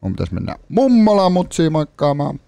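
A man's voice: fairly high pitch, wildly swooping pitch, creaky, dark tone, dry recording. A man co-hosting a casual podcast, a performing artist, talking playfully.

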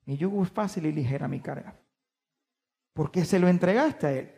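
A pastor preaches a sermon to his congregation in a large church hall, his voice a little high, creaky, mellow, and husky. He stresses key words by drawing them out slowly and puts questions to his listeners.

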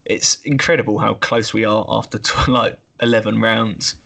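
A man's voice: lowish voice, fairly even intonation, moderate pace, vocal fry, sharp tone. A man co-hosting a casual sports podcast, chatty as he reads out the standings. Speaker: podcast co-host.

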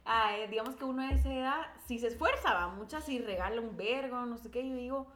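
A woman's voice: a little high, fairly quick, a bit bright, echoey room, a little hiss or hum. A young woman with a Guatemalan accent, teasing and asking questions in a slangy chat with friends. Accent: Guatemalan Spanish. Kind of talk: casual chat among friends.

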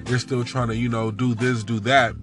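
A man's voice: medium pitch, little pitch movement, normal speed, over music. A man in his thirties co-hosting a casual chat show, talkative and cursing, often saying "you know what I'm saying". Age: 30s. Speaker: podcast co-host.

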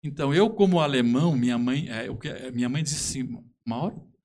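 A man's voice: medium pitch, fast talker, a little mellow. This is a man with a southern Brazilian accent and a mid-range voice. He speaks as a guest in a conversational interview, telling anecdotes. His delivery halts and restarts, with emphatic stresses on key words. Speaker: musician guest.

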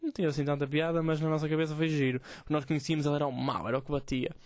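A man's voice: fairly high pitch, little pitch movement, rapid-fire, a little mellow, no room sound, studio quality. A man, hosting a podcast as a rambling, profane, self-mocking comic monologue. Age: 20s. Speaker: podcast host.

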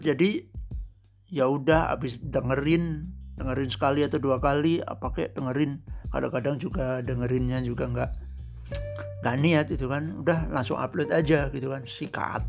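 A man's voice: medium pitch, gravelly. A man hosting his own podcast, talking in an easygoing, rambling, conversational way. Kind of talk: casual solo podcast monologue.

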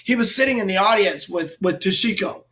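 Middle-aged Texan man, high voice, animated storyteller, interview guest. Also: a little fast. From Texas. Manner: animated anecdotes with lively acted-out quotes. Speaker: guest musician.

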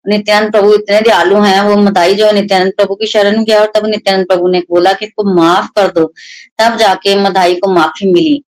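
A woman's voice: medium pitch, normal speed, dry recording, rough recording. Woman telling a devotional story. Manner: animated, acts out quoted lines, mixes English words. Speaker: satsang speaker.

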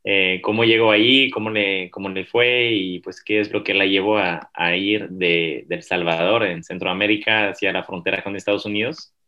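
A man asks questions politely and formally, with an occasional filler. His voice is bright and slightly low. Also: fairly even intonation, normal speed, hardly any pauses, muffled recording. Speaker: interviewer, university professor. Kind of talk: formal interview. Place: Monterrey, Mexico.

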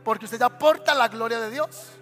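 A man's voice: extremely high pitch, moderate pace, fairly bright tone. Emphatic male preacher in reverberant church. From Colombia. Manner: emphatic preaching, calls for amen. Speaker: pastor. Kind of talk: sermon. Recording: long church reverb, faint music.

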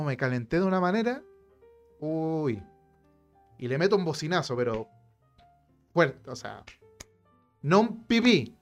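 A fired-up Chilean man in middle age tells his own story straight to camera, his fairly high voice jumping as he acts out both sides of the quarrel. Faint music plays under him. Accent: Chilean Spanish. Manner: animated, indignant, acts out quoted exchanges. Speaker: lawyer telling a personal story.

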